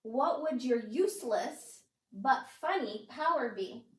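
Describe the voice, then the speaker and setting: A woman's voice: high voice, animated, takes it slowly. A woman hosting a podcast, chatting casually with a guest and giggling often. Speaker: podcast host. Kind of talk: casual interview chat. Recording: roomy echo, distant mic.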